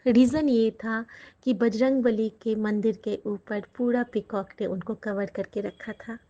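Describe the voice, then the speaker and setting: A woman's voice: fairly high pitch, fairly even intonation, measured pace, warm tone. A woman sharing devotional experiences with her listeners in a chatty way, with thankful asides and frequent laughter. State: out of breath. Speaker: satsang storyteller. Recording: dull lo-fi recording.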